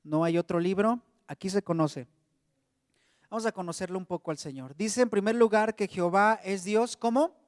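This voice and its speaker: A Mexican man with a fairly high voice preaching a sermon, talking to his congregation in a friendly, conversational way. His voice sits close and dry, with a long reverb tail from the hall around it. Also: normal speed. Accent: Mexican Spanish. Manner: conversational, addresses congregation as brothers.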